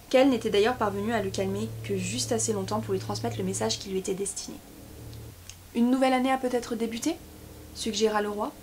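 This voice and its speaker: A woman reading a novel chapter aloud in a steady voice, with small slips and restarts now and then. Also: medium pitch, slight background noise. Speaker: book YouTuber.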